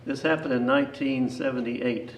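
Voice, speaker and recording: A man's voice: mid-range voice, steady tone, normal speed. An older man, a grandfather, telling an unscripted, rambling personal story in a folksy, plain-spoken way that often doubles back on itself. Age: 60s or older. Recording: echoey, distant mic, faint noise.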